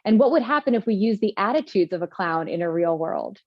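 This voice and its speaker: A woman's voice: medium pitch, lively intonation, a little fast, dry recording, dull audio. Podcast host, woman, upbeat and eager, dry close sound.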